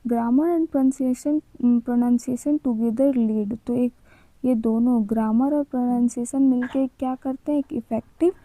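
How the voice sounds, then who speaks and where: Woman teacher with a dark, mellow voice. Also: no room sound, low-quality recording. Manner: reads questions slowly, then asks and answers them herself; ends each answer with a high, soft confirming tag. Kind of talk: exam revision lesson.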